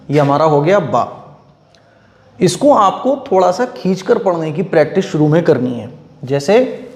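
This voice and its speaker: A middle-aged Quran reading teacher leads a patient, step-by-step lesson, stretching out each letter sound and repeating it. His voice is a little high for a man, with a darkish tone, and the echoey room leaves a long reverb tail.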